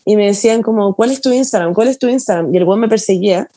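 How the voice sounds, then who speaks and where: A woman's voice: medium pitch, fast, no room sound, studio quality. A young woman with a Chilean accent, chatting casually with friends and acting out quotes as she tells stories. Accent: Chilean Spanish. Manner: animated storytelling, acting out quotes. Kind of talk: casual chat among friends.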